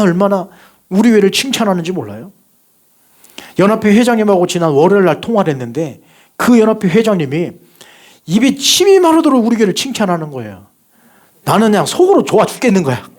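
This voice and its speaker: Lively high-voiced pastor preaching. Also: male voice. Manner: emphatic, repetitive exhortation addressing the congregation. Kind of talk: sermon. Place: church service.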